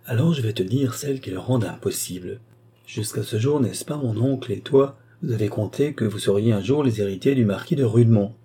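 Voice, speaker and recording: A man's voice: fairly low pitch, fairly quick, mellow, breathy edge. Proud, earnest young man, read by a man. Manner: earnest, firm.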